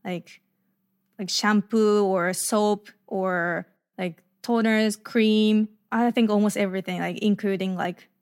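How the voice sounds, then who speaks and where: A woman's voice: mid-range voice, steady tone, slow pace, darkish tone, smooth. A woman from Japan, co-hosting, reading scripted narration and chatting with hesitant fillers. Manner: hesitant, many filler "like"s when unscripted. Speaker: co-host. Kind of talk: scripted narration and casual chat.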